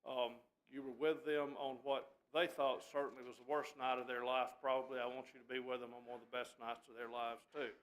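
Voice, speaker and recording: A man's voice: medium pitch, level tone, fairly quick, few pauses, a bit bright, low-quality recording. A man serving as judge, leading a graduation ceremony with hearty, joking announcements to a crowd in a large room. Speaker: judge presiding over a drug court graduation. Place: large room with an audience and a balcony.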